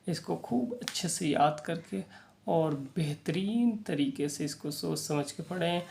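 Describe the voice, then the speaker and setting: A man's voice: fairly high pitch, gravelly, slight background noise. A man teaching Quran reading to children, spelling out Arabic letters syllable by syllable and then blending them into whole words. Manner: slow and deliberate, drawing out syllables.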